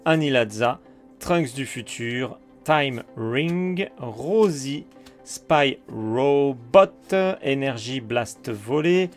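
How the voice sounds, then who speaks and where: A man casually commenting as he opens card boosters one by one, excitable and chatty. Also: mid-range voice. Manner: excitable, hyped, roll-calling card names. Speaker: card opening host.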